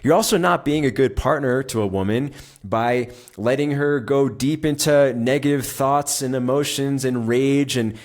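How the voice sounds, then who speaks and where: A man's voice: medium pitch, normal speed. A man in his thirties hosting a solo podcast, explaining his views in long, earnest, flowing sentences. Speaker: podcast host.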